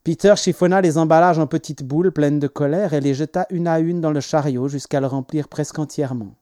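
A man reading stories aloud as an audiobook narrator, in a measured, expressive way. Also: fairly high pitch, no echo, clean studio sound. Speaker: audiobook reader. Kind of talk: scripted narration.

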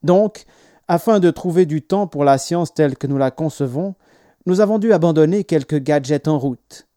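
A man reading stories aloud as an audiobook narrator, in a measured, expressive way. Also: on the high side, no echo, studio quality. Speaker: audiobook reader. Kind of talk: scripted narration.

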